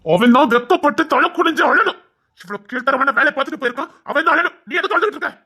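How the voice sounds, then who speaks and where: A man's voice: very high-pitched, lively intonation, rapid-fire. Man with a Tirunelveli Tamil accent. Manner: voices several roles, from hushed whispers to angry shouts. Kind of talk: dramatic audio story acting.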